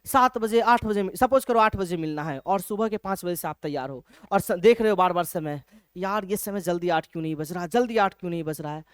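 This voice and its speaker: A man teaching a lecture in a lively way, checking often that students follow and reading verse lines slowly. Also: high voice, no room sound, studio quality. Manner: lively, keeps asking if things are clear; reads English verse slowly. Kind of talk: classroom-style lecture.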